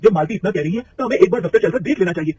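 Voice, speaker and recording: An easygoing young husband from a cartoon story, played by a man. He sounds reassuring and relaxed, with a fairly high voice. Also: rapid-fire, slightly rough, distant mic.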